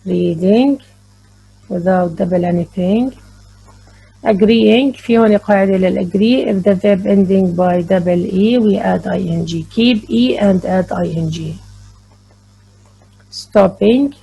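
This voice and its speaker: A woman's voice: mid-range voice, drawn-out words, gravelly, dark tone, breathy edge, rough recording. A woman teaching an English grammar lesson, mixing English with explanations and spelling out letters. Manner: switches between English and Arabic, spells out letters.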